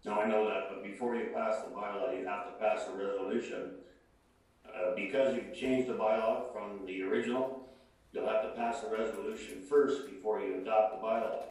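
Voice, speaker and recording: A man advising a town council over a remote call line that cuts in and out, speaking in a halting way with frequent fillers. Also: lowish voice, steady tone, darkish tone. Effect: heard over a remote call line, cutting in and out. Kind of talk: remote council meeting remarks. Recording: echoey, distant call audio.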